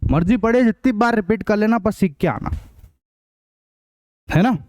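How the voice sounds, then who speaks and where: A man teaching a math class, drilling rules and quizzing students with quick questions, sometimes blunt and scolding. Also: high-pitched, expressive, a little mellow, no echo. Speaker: math tutor. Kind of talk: online class lecture.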